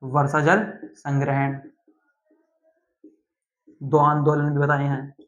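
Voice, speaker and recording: A male teacher from Uttar Pradesh, India, giving a classroom lecture, repeating key terms and asking and answering his own questions. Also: fairly high pitch. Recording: dull lo-fi sound.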